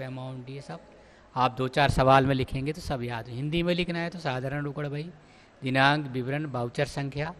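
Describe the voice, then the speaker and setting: A man with a slightly high voice teaches an accountancy class in speech. He walks his students through each entry step by step, calling them children, over a faint hum of room noise. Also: a bit bright. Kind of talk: classroom lecture.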